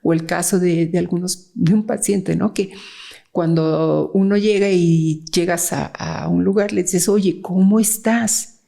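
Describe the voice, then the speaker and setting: A woman's voice: on the low side, fairly even intonation, unhurried, creaky, mellow. A woman child psychiatrist, explaining cases in a conversational interview, with fillers and frequent "¿sí?" checks. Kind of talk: explanatory interview talk with anecdotes.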